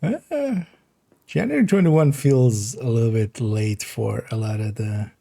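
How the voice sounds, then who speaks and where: A man gives loose, rambling commentary while he plays a game. His voice is mellow and soft-edged, and he giggles and restarts his sentences often. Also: mid-range voice, lively intonation, unhurried, creaky. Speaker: game streamer. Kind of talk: casual gameplay commentary.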